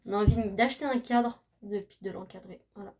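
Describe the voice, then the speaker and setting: A woman's voice: mid-range voice, a little fast. Chatty woman in a noisy home recording. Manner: chatty and gushing, with many hesitations. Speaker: craft vlogger. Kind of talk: casual show-and-tell chat.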